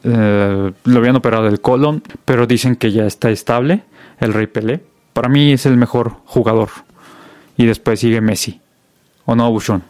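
A man's voice: mid-range voice, normal speed, a little mellow, no echo. A Mexican man hosting a casual news roundup, chatty and full of fillers. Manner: chatty, many fillers and restarts. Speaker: host.

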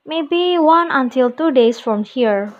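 A woman's voice: high voice, lively intonation, slow. A young woman with an Indonesian accent playing an eager friend in a recited English dialogue about plans with friends, speaking carefully. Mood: earnest. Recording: muffled lo-fi recording.

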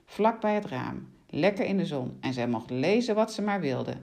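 Woman reading a children's story, expressive. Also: deep voice, moderate pace, creaky. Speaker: narrator. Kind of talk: children's story read aloud.

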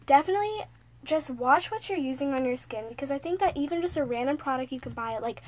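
A woman's voice: sits high, expressive, quick pace. A teenage girl co-hosting a podcast, chatty, giggly and teasing, recorded inside a small closet full of clothes. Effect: recorded inside a small clothes-stuffed closet. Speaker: podcast co-host. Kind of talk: casual chat.

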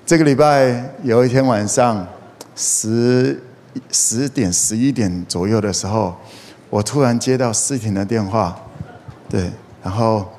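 A man's voice: on the low side, measured pace, a little mellow. A middle-aged man preaching to a congregation, telling stories with humor and asking for call-and-response. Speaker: pastor. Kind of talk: sermon with humorous storytelling. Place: church hall. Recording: echoey hall with faint noise.

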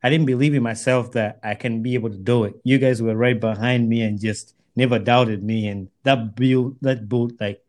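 A man with an average-pitched voice speaks in a casual, heartfelt conversation. He sounds earnest, often repeating a phrase as he works toward his point. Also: fairly even intonation, moderate pace, few pauses, darkish tone. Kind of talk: casual heartfelt chat between friends.

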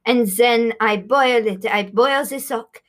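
A woman doing a brash, rude chef with a thick put-on accent, boasting about revolting dishes in an improvised comedy sketch. Her voice sits fairly high and she drawls slowly, stumbling over her words. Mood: boastful. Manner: heavy put-on accent, halting, blunt and rude. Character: brash foreign female chef with gross recipes.

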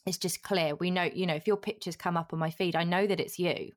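A woman's voice: on the low side, steady tone, fairly quick, dry recording, clean studio sound. A woman hosting a podcast interview in an effusive, encouraging, conversational way. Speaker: podcast host.

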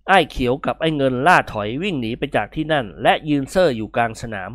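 Guy reading a funny story, bouncy voice, pitch all over, dry close sound. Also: fast, no echo. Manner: lively, expressive. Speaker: narrator.

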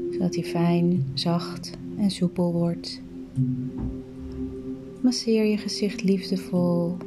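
A woman guiding a meditation in a soft, soothing voice that often drops to a breathy whisper. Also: fairly low pitch. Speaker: meditation guide. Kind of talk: guided meditation.

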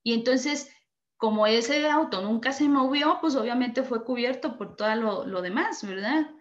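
Higher-voiced woman giving a motivational talk. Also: normal speed, lo-fi sound. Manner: earnest, addresses listener directly. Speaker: motivational speaker. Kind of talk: motivational talk with acted stories.

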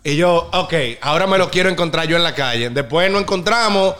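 A young Dominican man with a fairly high voice is chatting on a podcast. He tells his stories with animation and slang, and he acts out the other people's voices as he goes. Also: fairly quick, a bit bright. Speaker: podcast co-host. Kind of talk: casual storytelling chat.

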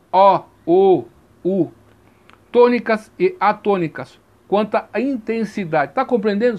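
A man teaching grammar in an informal lesson, chatty and given to checking that listeners follow, spelling sounds out slowly. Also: high voice. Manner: chatty, repeats 'tá compreendendo?' often; spells out sounds slowly, stressing each vowel.

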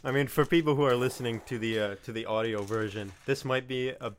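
A man's voice: mid-range voice, steady tone, quick pace. A man co-hosts a casual podcast with dry, wry comments. His voice sits mid-range, with a faint hiss in the background. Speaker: podcast co-host.

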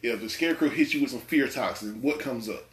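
A man's voice: medium pitch, a little fast. A man hosting a casual movie podcast, rambling and repeating his words as he talks. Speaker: podcast host. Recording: echoey room.

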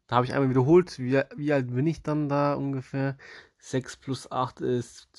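A man's voice: mid-range voice, steady tone, normal speed, darkish tone, no echo, clean studio sound. Slangy young man telling a podcast story. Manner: slangy, joking, playful restarts. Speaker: podcast host.

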